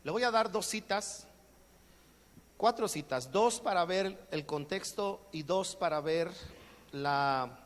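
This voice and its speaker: A man's voice: high-pitched, slow pace. A man with a Mexican accent preaching a sermon as pastor, joking and acting out everyday exchanges. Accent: Mexican Spanish. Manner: jokey, acts out everyday exchanges. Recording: long hall reverb.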